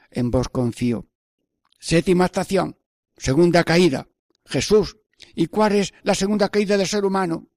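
Older priest, earnest sermon, slightly high voice, dry close sound. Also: male voice, darkish tone, no room sound. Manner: earnest, repetitive preaching with prayerful asides. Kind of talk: Stations of the Cross sermon.

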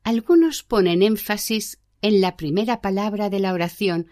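A woman reading aloud the words of a learned old monk teaching about prayer, in a measured, unhurried way. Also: mid-range voice, mellow, natural voice. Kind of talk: read-aloud spiritual book.

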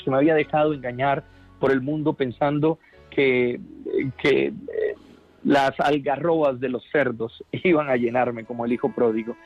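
A man's voice: medium pitch, narrow, tinny audio. A man with a Colombian accent, a priest giving a fervent, earnest personal testimony in a radio interview, often restarting his phrases.

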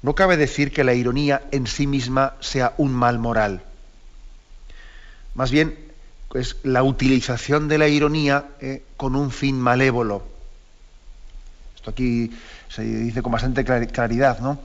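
A man's voice: mid-range voice, level tone, a little slow, long pauses. Explaining man, dull lo-fi sound. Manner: checks in with listeners through frequent tag questions. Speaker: presenter of a moral teaching program. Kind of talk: explanatory talk, reading and commenting a text. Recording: dull lo-fi recording.

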